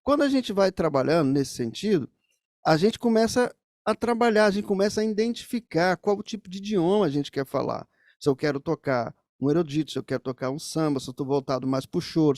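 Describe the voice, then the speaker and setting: A man's voice: fairly high pitch, darkish tone, no echo, clean studio sound. A man teaching saxophone, explaining things straight to the viewers in a music lesson.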